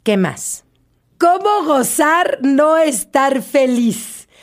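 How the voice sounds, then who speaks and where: Woman host, higher voice, chatty, lively advice talk. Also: very slow. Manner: lively, chatty, frequent asides and restarts. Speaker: podcast host.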